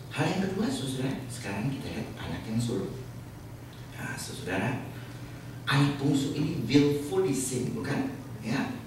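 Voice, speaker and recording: A man preaching a sermon as pastor, telling a story with lively asides and bits of English. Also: medium pitch, noisy background. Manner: animated storytelling, mixing in English phrases. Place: church sanctuary. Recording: echoey church hall from far off.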